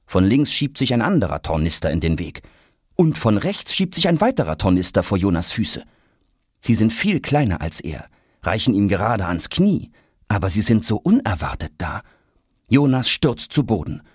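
A man narrating a children's audiobook in a lively, expressive way. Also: on the low side, moderate pace, breathy edge, no room sound, studio quality.

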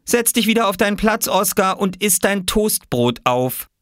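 A man's voice: high voice, animated, moderate pace, fairly bright tone, no room sound, clean studio sound, pitched above the performer's own voice. A man voicing an impatient mother who scolds her squabbling children sharply, in a storybook reading. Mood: scolding.

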